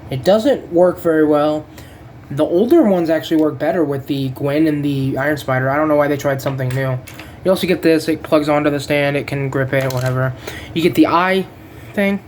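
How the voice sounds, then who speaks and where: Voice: medium pitch, fairly quick, darkish tone, slight background noise. Rambling casual action figure reviewer. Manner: rambling, loses track of names, casual swearing.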